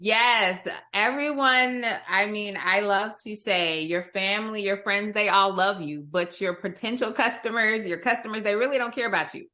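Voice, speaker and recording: A woman's voice: medium pitch, normal speed, few pauses, sharp tone. A woman sales trainer teaching in an online workshop, emphatic and direct, over a video call.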